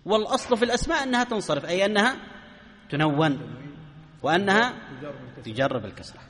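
A man's voice: high voice, very animated, fast, fairly bright tone, big-room sound. A man teaching a grammar lesson to a class, often asking questions and answering them himself.

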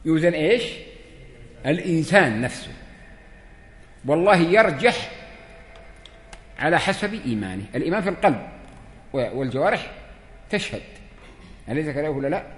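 This religious teacher's voice is on the high side, very animated and brisk, with frequent pauses. Teaching a seated audience in an echoey hall, he asks them questions and dramatizes dialogues.

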